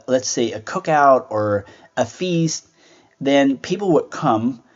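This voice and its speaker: A man's voice: medium pitch, darkish tone. A man hosting a Bible teaching show, talking earnestly and conversationally and asking rhetorical questions. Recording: dull lo-fi sound.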